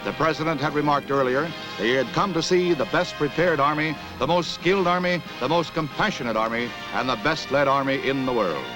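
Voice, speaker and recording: A man's voice: on the high side, fairly quick, few pauses, low-quality recording. A man giving formal, declamatory narration for an old 1960s newsreel. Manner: formal, declamatory announcer delivery. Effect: old newsreel soundtrack. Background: music.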